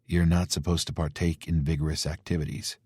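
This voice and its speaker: A man voicing a teasing, tender young male lover in an audiobook, speaking softly and intimately. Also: very deep voice, little pitch movement, brisk, slightly rough, dry recording.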